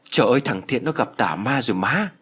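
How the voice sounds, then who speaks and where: A man voicing a sharp-tongued young woman in an audio story, shrill and scolding. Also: expressive, a little fast, husky. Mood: agitated.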